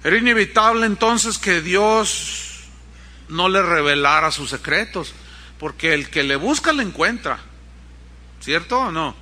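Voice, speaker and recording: A man with a high-pitched, unhurried voice preaches conversationally, making asides to the congregation. He tells stories animatedly and acts out the quotes.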